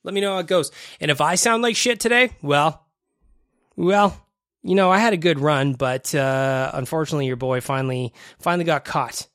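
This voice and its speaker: A male podcast host with a fairly high voice talks casually and informally about sports. He sounds a little nasal and phlegmy from congestion, and he leans on repeated phrases for emphasis. The sound is close and dry, from a small home studio. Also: normal speed, a bit bright, no room sound. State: mildly congested with a cold-like illness.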